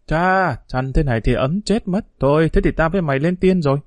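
A man's voice: fairly high pitch, animated, fast, a little mellow, dry recording, natural voice. A man voicing a young street boy who is timid, clingy and tearful, pleading with his friend in a Vietnamese storybook reading. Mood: excited.

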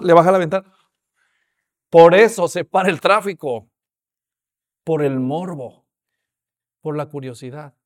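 Man, pastor, animated sermon storytelling, high voice.

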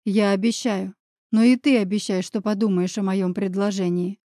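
A woman voicing a calm middle-aged man who speaks in a measured way and often sighs. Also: medium pitch, no echo, studio quality, lightly acted. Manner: sighing, measured.

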